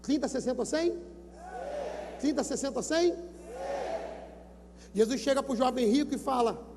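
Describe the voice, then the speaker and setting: Pastor with a Brazilian accent, very high-pitched, preaching emphatically into a handheld mic in a gymnasium with long reverb. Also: male voice, normal speed, noisy background. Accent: Brazilian Portuguese. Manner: emphatic preaching, repeats numbers, urges listeners to shout. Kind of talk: sermon at a youth event. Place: large gymnasium. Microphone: handheld microphone.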